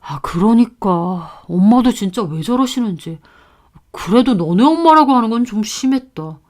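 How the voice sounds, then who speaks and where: Weary young husband, voiced by a woman narrator: low, quiet, placating, for a spoken story. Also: lively intonation, normal speed, natural voice. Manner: soft, placating. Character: weary young husband caught between wife and mother.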